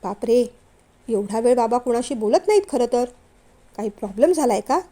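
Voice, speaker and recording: A woman voicing a polite, gentle young man who is a company director, in a storybook reading. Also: on the high side, expressive, brisk.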